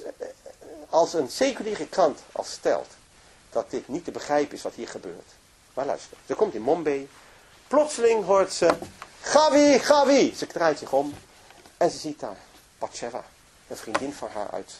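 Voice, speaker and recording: A man's voice: mid-range voice, big pitch swings, normal speed, a little mellow, slight background noise. A man telling a moving story in a religious lecture, narrating with emotion and frequent restarts. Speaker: religious speaker.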